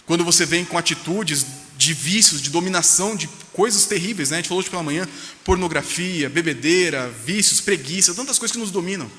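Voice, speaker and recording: A man preaching, his voice slightly high and bright as he presses through the sermon at a rapid clip. He asks rhetorical questions and drives each point home with emphasis. His words ring out with a long reverb in a church hall. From Brazil. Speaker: pastor. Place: church sanctuary.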